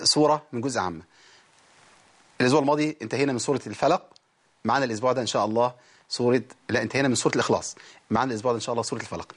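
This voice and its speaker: A quick-talking Egyptian man leads a recitation lesson on air, explaining pronunciation rules at speed and stopping callers to correct them. His pitch sits in the middle range. When he models the verses, he chants them slowly and melodically. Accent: Egyptian Arabic. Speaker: Quran recitation teacher, radio/TV host.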